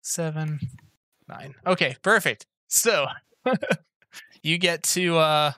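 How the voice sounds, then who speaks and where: A woman's voice: deep voice, slow pace, bright, forceful tone, no room sound. A woman narrating a tabletop game as game master, chatty and laughing often.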